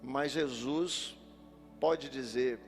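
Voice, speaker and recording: A male pastor giving a sermon, telling funny personal stories and speaking straight to the congregation in a lively way. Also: mid-range voice, very slow. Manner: lively storytelling, addresses the congregation directly. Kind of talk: sermon with humorous personal anecdotes. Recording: long church-hall reverb with faint music.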